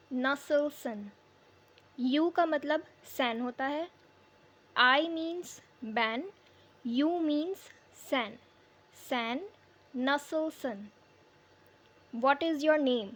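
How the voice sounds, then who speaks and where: A young woman with a high, light voice leads a beginner language lesson. She says each phrase slowly and repeats it in patient drills. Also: highs cut off. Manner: slow, repeated pronunciation drills. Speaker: language teacher.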